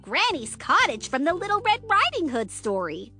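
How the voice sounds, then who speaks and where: A woman narrating a scripted children's story with animated, dramatic build-up. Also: very high-pitched, normal speed, faint music behind.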